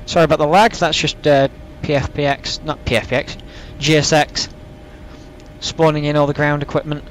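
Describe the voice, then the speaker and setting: A man's voice: on the high side, level tone, normal speed, a little hiss or hum, low-quality recording. A man giving casual, rambling, self-deprecating gameplay commentary as a flight sim host, saying w for r. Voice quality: can't pronounce R's properly, says w for r.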